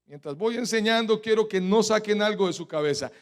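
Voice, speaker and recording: A man's voice: high-pitched, a little fast, clear, resonant tone. A man with a Colombian accent preaching a sermon as pastor, firing rhetorical questions and letting the congregation finish his sentences. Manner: emphatic preaching cadence with sudden loud stresses. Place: church.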